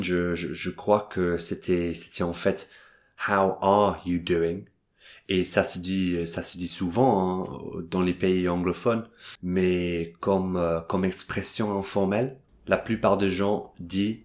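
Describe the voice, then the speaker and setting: A man with a very low voice teaches an informal English lesson in careful French, his English accent plain under it. He talks slowly and hesitantly, with many fillers and restarts. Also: flat delivery. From England. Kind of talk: video language lesson.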